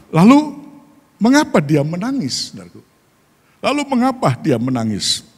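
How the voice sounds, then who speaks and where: A pastor preaching a sermon with lively, swinging emphasis, often turning to address his listeners directly. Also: mid-range voice, breathy edge. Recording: long hall reverb.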